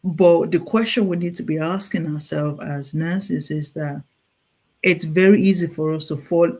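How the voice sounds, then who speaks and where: This interview guest, a clinical nurse specialist with a Nigerian accent, explains earnestly and presses her points, frequently restarting sentences and repeating herself. Her voice sits low and is a little mellow, with fairly even intonation and a slightly slow pace.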